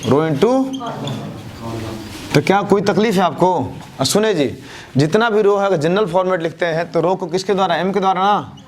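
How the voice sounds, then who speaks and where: A man teaching a math class, who keeps asking questions and answering them himself, his answers dropping low and soft. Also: normal speed. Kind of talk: classroom lecture with call-and-response questions.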